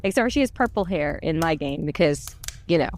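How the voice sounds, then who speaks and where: Low-pitched, animated, and slightly mellow, this podcast voice actor talks a little fast in an informal, self-effacing casual chat, drifting into mild rambling. She works on an audio drama podcast, and slight background noise can be heard.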